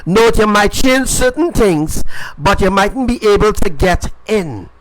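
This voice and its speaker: Male preacher, high-pitched, informal emphatic sermon with a faint noise floor. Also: expressive, measured pace, fairly bright tone, poor audio. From Caribbean. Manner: repetitive, emphatic, asks "right?" often.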